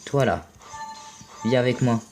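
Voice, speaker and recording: A young French man casually commentating a mobile game match, playful and excitable, joking and swearing at his teammates. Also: mid-range voice, a little slow, faint music behind. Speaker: gaming video commentator.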